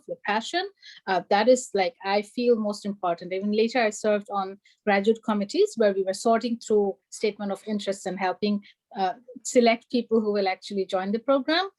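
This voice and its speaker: This young woman, originally from Bangladesh and raised in Germany, speaks as an alumna on an online panel. Her medium-pitched, slightly mellow voice sounds earnest and emphatic, filled with "you know" and "like." The audio quality is low.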